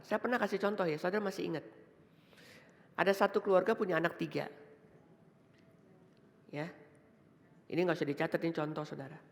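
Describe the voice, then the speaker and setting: Gravelly woman preaching in a reverberant hall. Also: sits low. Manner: repeats key phrases for emphasis; addresses the congregation directly and conversationally. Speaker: vicar preaching. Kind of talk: sermon. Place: church hall. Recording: long church-hall reverb.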